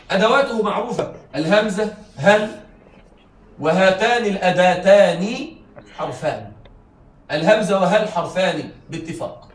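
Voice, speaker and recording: A man's voice: high voice, a bit bright. A man teaching a classroom lecture, often stopping to check that his students are following. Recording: echoey room, mic far off, faint noise.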